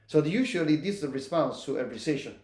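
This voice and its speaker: A man with a fairly high voice lecturing on economics in an echoey room. He keeps asking "right?" and often restarts a phrase mid-sentence as he walks through the material. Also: animated, fast talker, a little mellow. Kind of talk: recorded lecture.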